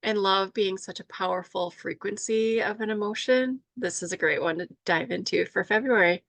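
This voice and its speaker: A woman's voice: mid-range voice, moderate pace, a bit bright, no echo. A woman who is a health coach and guest on a talk show, speaking in an enthusiastic, upbeat casual way. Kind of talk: casual conversation.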